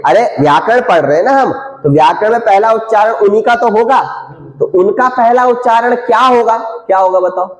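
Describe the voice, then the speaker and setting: A man's voice: sits high, moderate pace. Man teaching Sanskrit grammar in an echoey room. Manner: asks the class a question and answers it himself. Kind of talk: classroom grammar lecture.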